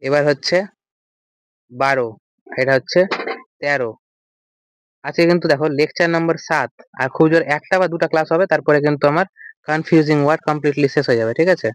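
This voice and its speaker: A man's voice: on the high side, steady tone, brisk, pauses often, no room sound. A man teaching an English vocabulary lecture, explaining step by step and asking and answering his own questions. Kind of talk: recorded lecture.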